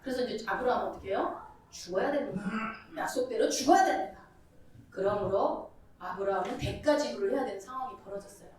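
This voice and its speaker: A woman preacher giving a lively, conversational sermon full of rhetorical questions, heard from far off in an echoey church. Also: mid-range voice, fast. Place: church sanctuary.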